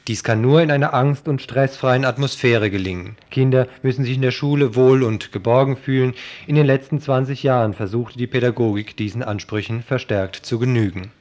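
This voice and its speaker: A man's voice: mid-range voice, fairly quick, hardly any pauses, darkish tone. A man reading a scripted political commentary for radio.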